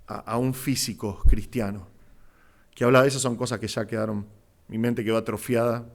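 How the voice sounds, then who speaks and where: Brief: Rioplatense man, pastor delivering a sermon, fairly high voice, impassioned, loud then hushed. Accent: Rioplatense Spanish. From Argentina. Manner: impassioned preaching, swinging between loud exclamations and hushed asides.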